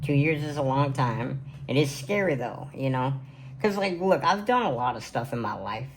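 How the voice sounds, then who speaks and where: Recording a birthday vlog in his indoor gaming room at home, a man in his twenties chats to camera in a rambling, filler-heavy way. He has an expressive mid-range voice and a moderate pace, with background noise audible.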